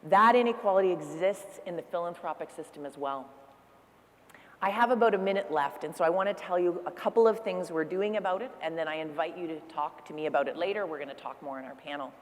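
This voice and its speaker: A woman's voice: lowish voice, fast. Earnest woman speaking in a hall. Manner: earnest, persuasive. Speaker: conference speaker on philanthropy. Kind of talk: conference talk. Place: lecture hall. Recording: reverberant hall.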